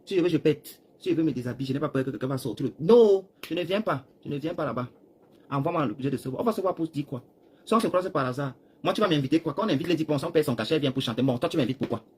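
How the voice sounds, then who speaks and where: A Cameroonian man rambling through a live stream, talking straight to his viewers and swinging between loud bursts and hushed asides while seated. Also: fairly high pitch, very fast, breathy edge. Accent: Cameroonian French. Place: seated, chair.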